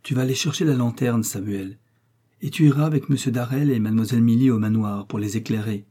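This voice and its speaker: A man's voice: medium pitch, fast, mellow, breathy edge, lightly acted. A man reading an audiobook, voicing an anxious, tender older woman innkeeper in a fretful, pleading tone.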